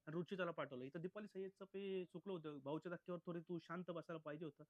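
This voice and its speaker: A man with a fairly high voice, recorded close and dry, recapping a reality show in a casual, opinionated way. He talks bluntly and straight to his viewers, calling them friends as he judges each contestant. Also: steady tone, quick pace, no room sound, highs cut off.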